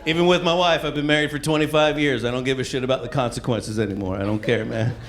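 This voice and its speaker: A man's voice: mid-range voice, fairly even intonation, fast talker. A middle-aged man performing stand-up comedy as conversational, profane storytelling, acting out bits of dialogue. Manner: acts out dialogue and reactions. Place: live venue in front of an audience. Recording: noisy live comedy club recording.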